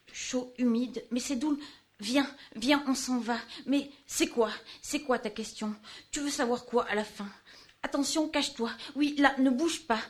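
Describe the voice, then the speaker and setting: A woman giving an intense, theatrical spoken-word poetry performance. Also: a little high.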